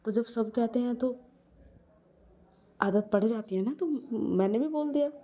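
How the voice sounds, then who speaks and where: A woman's voice: on the high side, a little slow, warm tone. A woman voicing a playful young wife who teases her husband in an amateur audio story. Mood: teasing. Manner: playful, teasing.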